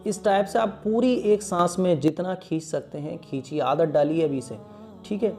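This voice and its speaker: A man gives a patient Quran lesson, drawing out each letter in one long breath and checking in often with his listeners. His voice sits a little high yet sounds mellow and soft. Faint music plays quietly behind him. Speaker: Quran teacher. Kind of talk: step-by-step lesson teaching Arabic letters.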